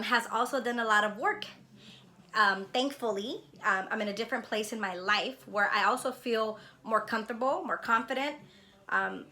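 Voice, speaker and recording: Speaking in a fairly high, pushed, bright voice, this Honduran-born woman based in Los Angeles talks casually and sincerely to her viewers. She works as a spiritual vlogger and card reader, and her reflective chat is dotted with "right?"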